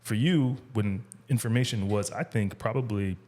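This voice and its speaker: A man's voice: on the low side, moderate pace, a little mellow. A man hosting a podcast interview, asking long rambling questions with many fillers and restarts. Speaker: podcast host. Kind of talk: casual interview conversation.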